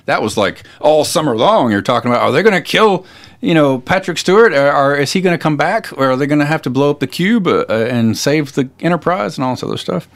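Male co-host, casual podcast chat, animated storyteller with a lively pitch. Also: fast talker. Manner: animated storyteller, many fillers and restarts.

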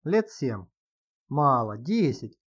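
A man reading an audiobook, voicing a middle-aged male business owner who talks calmly and patronizingly, with quiet threats. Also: mid-range voice, slow, dull audio. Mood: menacing.

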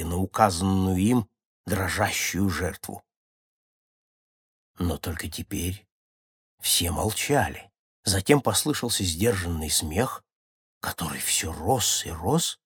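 A man reading a story aloud for a children's audiobook, with dramatic swings between loud passages and hushed ones. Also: fairly low pitch, breathy edge, dry recording, clean studio sound. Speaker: audiobook narrator.

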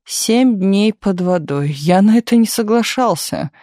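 A man's voice: high voice, animated, warm tone, no echo, studio quality, pitched above the performer's own voice. A man doing a nervy, complaining young reporter. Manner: complaining, nervy, quick to object. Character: fussy excitable young male photo reporter.

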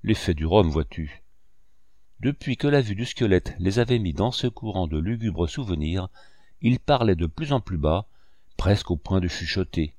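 A man reading a classic novel aloud as an audiobook narrator, in a steady, measured way. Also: low voice, dry recording, studio quality. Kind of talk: scripted narration.

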